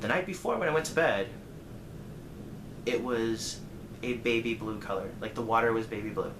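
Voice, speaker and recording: A man with a medium-pitched voice tells a personal story at a moderate pace, rambling casually and adding dramatic emphasis like a storytelling vlogger. The room is echoey, and background noise is clearly audible.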